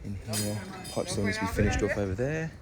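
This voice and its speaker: At an outdoor construction site, a man gives a chatty, step-by-step walk-through of his house build, saying um a lot. His voice is on the low side, expressive and fast, competing with a loud crowd and heavy site noise.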